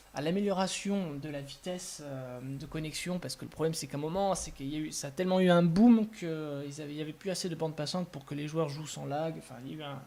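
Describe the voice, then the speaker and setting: Guy doing a casual screen walkthrough, kinda high voice, lots of umms and restarts, really into it. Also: darkish tone, a little hiss or hum. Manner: hesitant, many filler sounds and restarts; enthusiastic. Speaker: gaming video host.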